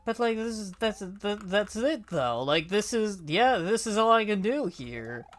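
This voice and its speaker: A streamer talks to themself while playing a game, slow and unhurried, trailing off in mutters and hesitant restarts. The pitch sits in an ordinary middle range. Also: big pitch swings. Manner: mutters, hesitant, self-talk.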